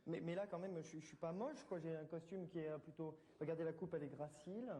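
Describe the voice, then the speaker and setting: A man's voice: on the high side, steady tone, fast, warm tone, slight background noise. A man acting in a comedy sketch, stammering nervous excuses.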